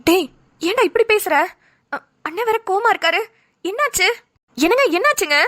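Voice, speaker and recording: A woman's voice: extremely high pitch, lively intonation, moderate pace, a bit bright, no echo, studio quality, pitched above the performer's own voice. A woman voicing an anxious middle-aged mother in a cartoon, pleading and fretful. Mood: worried. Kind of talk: cartoon voice acting.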